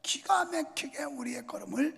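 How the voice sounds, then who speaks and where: An older male pastor preaches with a high, gravelly, husky voice that mixes jokes with fervent calls to the congregation. His words ring out through a large church sanctuary with a long reverb trailing behind them. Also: expressive, moderate pace, a bit bright, slight background noise. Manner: joking, then fervent exhorting. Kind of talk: sermon.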